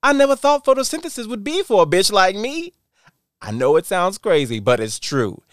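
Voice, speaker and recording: A man's voice: high voice, very animated, normal speed, clean tone, no room sound, clean studio sound, voice pushed up. A man voicing a stressed-out, exasperated woman in a parody radio ad.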